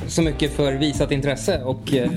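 A man's voice: mid-range voice, steady tone. Man signing off a podcast casually. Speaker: podcast host. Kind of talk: casual chat and show sign-off.

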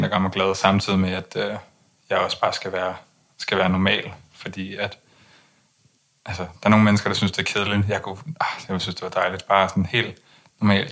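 Flat, gravelly low-voiced young man. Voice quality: monotone, low-key delivery. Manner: hesitant, many restarts. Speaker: interview guest. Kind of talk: candid personal conversation.

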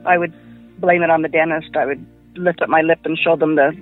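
A woman giving personal testimony about an attack she survived, in a quiet, halting way. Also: sits low, fairly even intonation. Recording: muffled lo-fi with faint music.

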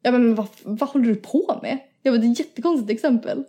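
A young woman, hosting a podcast and telling an animated story in casual chat, acting out quotes and laughing often. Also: a little high. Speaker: podcast host.

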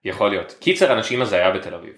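A man's voice: fairly low pitch, echoey room. A man telling a funny story to friends as podcast co-host, acting out what other people said. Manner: animated, acts out other people's lines. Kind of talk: comic storytelling among friends.

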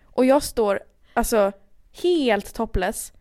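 A young woman from Sweden, co-hosting a podcast and telling an embarrassing story in casual, animated chat. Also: fairly high pitch. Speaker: podcast co-host.

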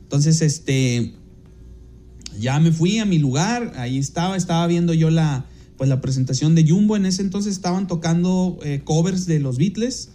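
A Mexican man with a fairly high but mellow, warm voice recounts an anecdote in a loose, rambling way, full of fillers and self-corrections. He hosts a podcast and works as a DJ, and when he quotes someone he slips into a brighter, livelier voice. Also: moderate pace. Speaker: podcast host and DJ. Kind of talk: casual anecdote telling.

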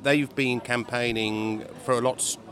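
A man's voice: mid-range voice, steady tone, measured pace, fairly bright tone. A male podcast host asking chatty interview questions, restarting as he frames them. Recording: crowd chatter around the speaker.

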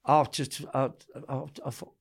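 A man's voice: medium pitch, flat delivery, moderate pace, slightly rough. A middle-aged man with an Essex and East London accent, talking casually as an interview guest, blunt, slangy and sweary as he tells stories. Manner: blunt, slangy and sweary, with repeated tag questions. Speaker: interview guest recalling his past in club door security. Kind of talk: casual conversational storytelling.

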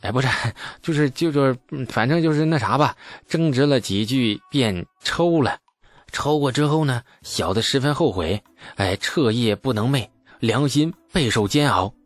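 A man's voice: medium pitch, expressive, moderate pace, no room sound, lightly acted. A man voicing a sheepish young man who stammers and hedges through his excuses.

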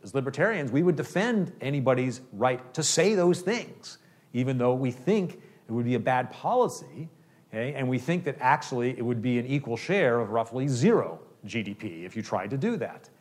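A man's voice: medium pitch, expressive, normal speed, a little mellow. A man fielding audience questions at a talk. He explains his points step by step and keeps checking in with the room. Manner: explanatory, uses "okay?" often. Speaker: speaker answering questions. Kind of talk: lecture Q&A.

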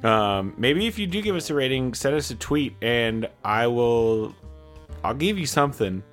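A man's voice: medium pitch, lively intonation, moderate pace, a bit bright, soft background music. A man co-hosting a comedy podcast, chatting casually and playfully, often breaking into giggles. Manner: playful, giggly, stammering bits. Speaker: podcast co-host.

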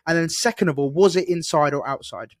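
A man's voice: on the high side, fast talker, no room sound. Hesitant young Englishman hosting, dry sound. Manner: hesitant, filler-heavy, laughs easily. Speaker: podcast host. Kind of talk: casual chat, leading discussion.

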